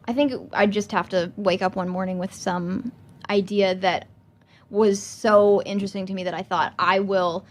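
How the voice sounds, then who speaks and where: A woman chatting as a podcast guest, talking in a hesitant, rambling way with many fillers and frequent laughter. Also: medium pitch. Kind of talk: casual interview chat.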